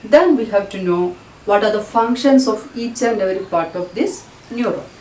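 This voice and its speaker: In a mid-range, expressive, slightly mellow voice, a Keralan teacher with a Malayalam accent delivers a biology lesson at a moderate pace. Her style is didactic, restating ideas as she explains them, and the recording is roomy and distant with faint background noise.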